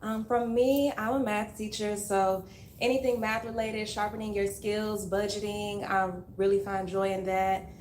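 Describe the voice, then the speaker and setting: A woman's voice: medium pitch, fairly even intonation, unhurried, a little mellow, a little hiss or hum. A woman of thirty, a math teacher on a dating show, talking cheerfully with small giggles. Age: 30s. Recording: echoey room.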